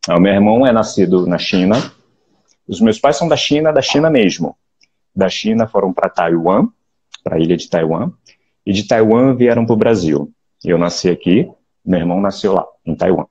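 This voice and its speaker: A Brazilian actor in his late forties from Rio de Janeiro with a Carioca accent, talking in a relaxed, reflective way over a video call, often restarting and adding "né?". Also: low-pitched, normal speed, breathy edge, highs cut off. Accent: Carioca Portuguese. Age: late 40s. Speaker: actor, interview guest. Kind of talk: casual interview chat.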